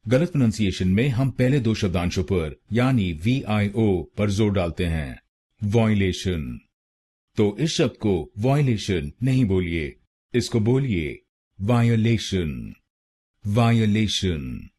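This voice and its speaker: A man with an Indian accent giving a scripted pronunciation lesson, drilling words slowly syllable by syllable. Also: lowish voice, lively intonation, mellow, husky. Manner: slow, carefully syllable-by-syllable drilling. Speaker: pronunciation teacher.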